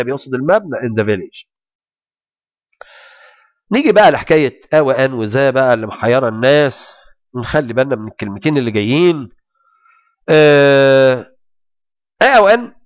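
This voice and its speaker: A man with an Egyptian Arabic accent teaching an English grammar lesson, explaining in quick Arabic and reading English examples out slowly and carefully. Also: mid-range voice, no room sound, clean studio sound.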